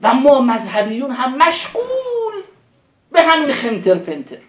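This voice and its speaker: A man's voice: very high voice, huge pitch swings. A man preaching a religious sermon, impassioned, pleading with rhetorical questions and reciting verses in Arabic. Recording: roomy echo.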